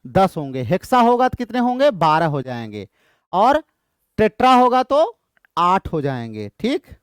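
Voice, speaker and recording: A man's voice: high-pitched, huge pitch swings, a little slow, clear, resonant tone, no room sound, studio quality. A man with an Indian English accent teaching an exam-prep lesson. He repeats his points often and asks questions that he answers himself.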